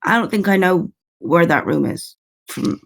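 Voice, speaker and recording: A woman's voice: lowish voice, very animated, measured pace, creaky. A woman playing a tabletop game, talking in a hesitant way with worried questions. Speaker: player. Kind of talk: casual tabletop play.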